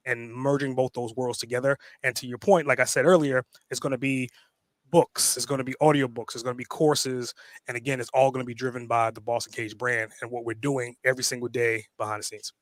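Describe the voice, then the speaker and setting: A man's voice: mid-range voice, fairly bright tone, dry recording. A man from Trinidad and Tobago, a podcast guest speaking in a casual interview, often repeating words as he starts a sentence.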